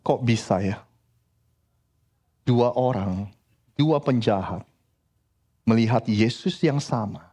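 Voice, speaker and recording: A pastor preaching a sermon in church, lively and direct, often addressing the congregation as brothers and sisters. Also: male voice, medium pitch, slow pace, long pauses. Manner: animated preaching, frequently addressing the congregation as "saudara".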